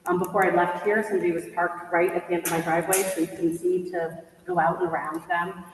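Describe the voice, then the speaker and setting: A woman's voice: on the low side, level tone, fast talker. A woman resident speaking at public comment in an echoing meeting space, laying out a complaint. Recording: very echoey hall, distant mic, faint noise.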